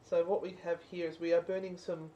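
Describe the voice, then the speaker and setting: A woman's voice: fairly low pitch, little pitch movement, a little fast, dark tone, muffled recording. A woman co-hosting a live paranormal stream, chatting casually and explaining things to viewers. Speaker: co-host of a live spirit box stream.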